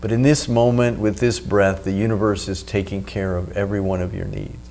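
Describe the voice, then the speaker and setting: Low-voiced man teaching meditation over background hum. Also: little pitch movement, brisk, darkish tone. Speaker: meditation teacher and video host. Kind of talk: spoken meditation instruction.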